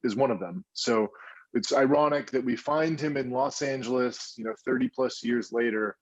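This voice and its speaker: A man in his thirties, an indie film producer telling stories in a casual interview, animated and rambling with many restarts. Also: mid-range voice, normal speed, no echo, muffled recording.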